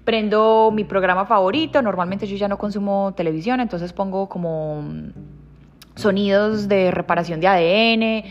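A woman in her thirties giving a reflective motivational monologue, heartfelt and emphatic, sometimes dropping to a soft hush. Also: medium pitch, moderate pace, lo-fi sound. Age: 30s. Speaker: personal growth speaker.

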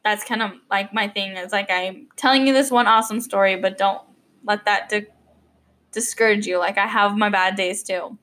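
A young woman hosts an unscripted, casual podcast monologue, rambling with plenty of fillers and restarts and sounding a little choked up. Her mid-range voice is steady and slightly bright, and she keeps a moderate pace.

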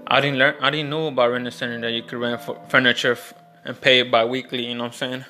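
Young guy just talking, rambly vlog story, bright kinda flat voice. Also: mid-range voice, fast, faint music behind. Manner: rambling, many restarts and fillers, frank. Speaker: vlogger. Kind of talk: casual storytelling monologue.

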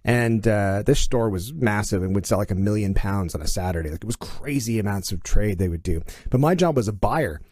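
A Canadian man in his forties, a voiceover artist chatting as a podcast guest, telling animated stories and laughing easily. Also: lowish voice, no room sound, studio quality. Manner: animated, story-driven, quick to laugh. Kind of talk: casual storytelling chat.

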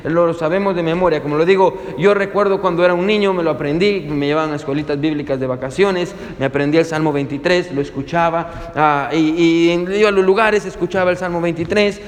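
A man's voice: fairly high pitch, fairly even intonation, quick pace, few pauses, long reverb tail. A man preaching a sermon at a church service, praying and telling a story, fervent, with many restarts and filler sounds. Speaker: pastor.

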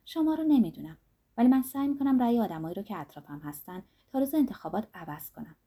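A woman reading the lines of a proud, angry young female student who speaks loudly and accusingly. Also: on the high side, big pitch swings, slightly rough, heavily acted. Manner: loud, sharp and accusing.

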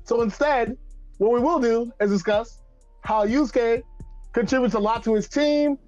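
A man co-hosting a podcast in casual chat, animated and joking, with lots of fillers. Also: very high-pitched, moderate pace, no room sound, faint music behind. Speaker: podcast co-host. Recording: muffled dry recording.

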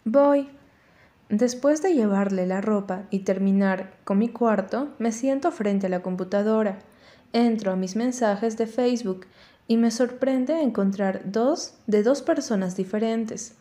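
Mellow-voiced woman narrating an audiobook. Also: medium pitch, a little slow. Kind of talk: first-person audiobook narration.

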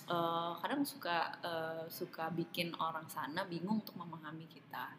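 A woman in a casual podcast chat who explains patiently, laughs often and slows down to model words. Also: lowish voice, fairly even intonation. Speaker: guest explaining English mistakes. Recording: echoey room with long reverb, faint hiss.

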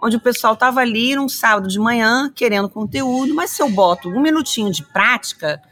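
A woman's voice: on the high side, a little fast, fairly bright tone. A woman with a Brazilian Portuguese accent, a communication trainer guest in an interview, speaking directly and energetically, often addressing the listeners. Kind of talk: conversational interview.

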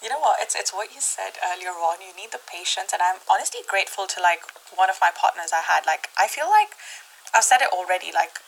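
A woman's voice: fairly low pitch, brisk, creaky, low-quality recording. Giggly young woman chatting. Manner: giggly, animated, self-conscious. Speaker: podcast co-host. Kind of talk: casual chat.

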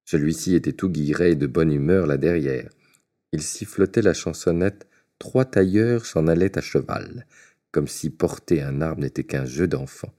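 A man reading a fairy tale aloud in a measured, expressive storytelling manner. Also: a bass voice.

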